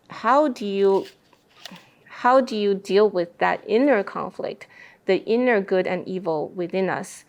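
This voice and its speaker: Speaking in a mid-range voice, a female interview guest lays out her ideas carefully and deliberately during a thoughtful conversation.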